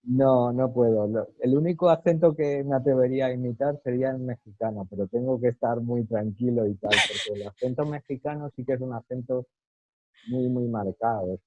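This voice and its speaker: A man from Spain with a neutral Castilian accent, speaking as a guest in a relaxed interview, thoughtful and hesitant with many fillers. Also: mid-range voice, brisk, few pauses, no echo, phone-quality sound. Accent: neutral Castilian Spanish.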